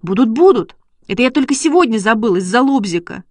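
An eager, bossy schoolboy, as a woman reads him aloud, coaxing and exclaiming in a high, bright voice. It is storybook reading, close and dry, with no room sound. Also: expressive, brisk, dry recording. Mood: pleading. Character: eager excitable schoolboy, bossy dog trainer.

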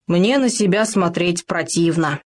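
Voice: mid-range voice, a little slow, natural voice. A stubborn male hamster , as the narrator plays him in a storybook reading, talking straight and grumbling. He speaks in close to the reader's own voice, bluntly and without polish. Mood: disgusted.

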